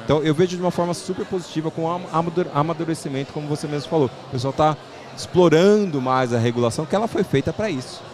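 A man's voice: on the high side, quick pace, a crowd in the background. A man with a Brazilian Portuguese accent giving informal, explanatory interview answers as a podcast guest, often tagging on little check questions. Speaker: podcast guest, startup investment platform founder.

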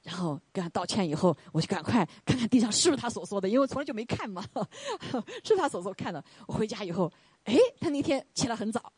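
Woman, middle-aged, sermon testimony, storytelling, frequent laughter, husky voice, dry sound. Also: medium pitch, sing-song, fast talker, a little mellow, dry recording. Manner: conversational storytelling, laughing often, acts out quoted voices. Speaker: church leader.

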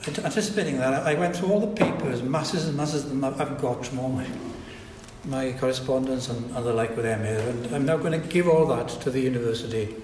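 In an echoey lecture hall at a society event, an older Welsh-accented man, a native Welsh speaker from Wales, offers a reflective public lecture marked by frequent restarts. His mid-range voice has a darkish tone, and his pace is a little fast. A little hiss or hum runs under the recording.

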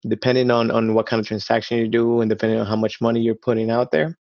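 Creaky-voiced man from Ecuador. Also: mid-range voice, fairly even intonation, no echo, muffled recording. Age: 30s. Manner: halting, repeats words and restarts. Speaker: guest. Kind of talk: casual chat.

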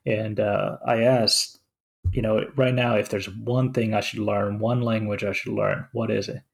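A Finnish man in his forties co-hosts a casual podcast chat, speaking hesitantly with many fillers and restarts. His lowish voice is flat, a little slow, and has vocal fry.

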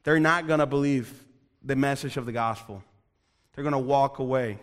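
A man's voice: medium pitch, moderate pace, big-room sound. A young man from the Dominican Republic preaching an earnest youth sermon, repeating phrases for emphasis and speaking straight to the room. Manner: earnest, repetitive emphasis, addresses the room directly. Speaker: youth pastor.

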